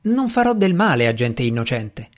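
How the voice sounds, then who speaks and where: A man reading aloud voices a reserved gentleman magician, curt and measured in his speech. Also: mid-range voice, big pitch swings, natural voice. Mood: firm. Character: brusque reserved gentleman magician, cool and dry.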